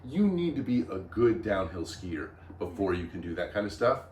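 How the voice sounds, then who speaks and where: A man's voice: low-pitched, very animated, normal speed, darkish tone, distant mic, a little hiss or hum. A man hosting a vlog, explaining things in casual chat with an enthusiastic, emphatic manner. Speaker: vlog host. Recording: roomy echo.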